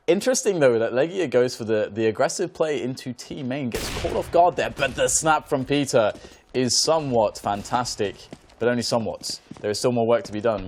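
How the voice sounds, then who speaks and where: A man's voice: fairly low pitch, darkish tone. A man commentating an esports match from a studio, bantering between plays with a laughing, self-mocking manner. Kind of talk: casual play-by-play commentary.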